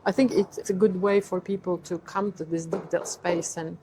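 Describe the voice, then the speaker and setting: Woman, low and level voice. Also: steady tone, a little fast, slight background noise, poor audio. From Latvia. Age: young adult. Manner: warm, reflective, laughs easily. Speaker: host. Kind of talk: casual conversation.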